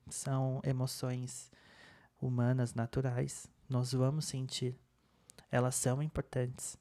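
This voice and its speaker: A young man presenting a self-help lesson in a calm, casual way, often repeating and rephrasing as he goes. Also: mid-range voice. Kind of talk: casual instructional talk.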